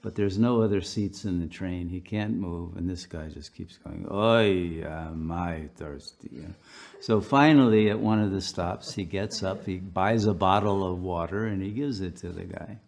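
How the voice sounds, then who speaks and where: A man's voice: low voice, moderate pace, vocal fry, few pauses, a little mellow. A male pastor delivering a sermon, telling stories unhurriedly with frequent fillers.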